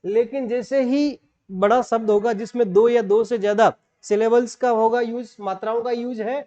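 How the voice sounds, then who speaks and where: A man's voice: very high voice, darkish tone. A man with a Rajasthani Indian accent teaching an online grammar lesson, explaining rules step by step and spelling words out letter by letter. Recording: dull lo-fi audio.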